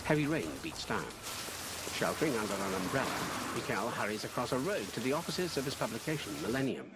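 A man reading scripted audio description for a film in a measured, descriptive way. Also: medium pitch, animated, heavy background noise.

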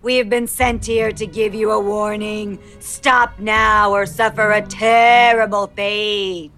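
A woman's voice: mid-range voice, little pitch movement, slow, fairly bright tone, soft background music. An actress playing the sly, bitter ghost of a young woman with a sardonic manner. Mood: solemn, menacing.

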